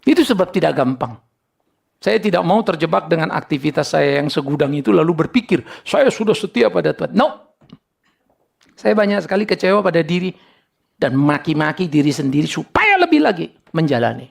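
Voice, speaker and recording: Animated gravelly male preacher. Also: a little high, fairly quick. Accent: Indonesian. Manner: animated preaching, mixing English words, acting out congregants. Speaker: pastor. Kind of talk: sermon.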